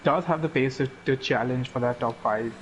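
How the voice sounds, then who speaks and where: A man's voice: mid-range voice, normal speed, slight background noise. A man co-commentating a motorsport race live in a conversational way, often repeating phrases. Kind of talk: live sim racing commentary.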